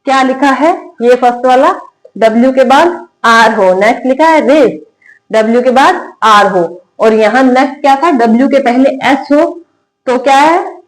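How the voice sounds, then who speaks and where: A woman's voice: high-pitched, moderate pace, rough recording. A woman teaching an English lesson in Hindi, repeating each word and asking herself questions before she answers them. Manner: repetitive call-and-response drilling, asking and answering her own questions.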